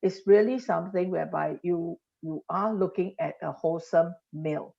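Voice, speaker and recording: An industry guest from Singapore, this woman has a somewhat low, creaky voice and a moderate pace. She explains on a podcast interview, heaping up examples and restarting often, all in dull lo-fi audio.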